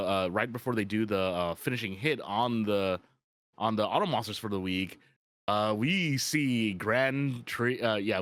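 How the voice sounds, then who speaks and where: A man co-hosting a podcast, chatting casually and excitedly through an episode recap, full of restarts and filler words. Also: lowish voice, no echo. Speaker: podcast co-host.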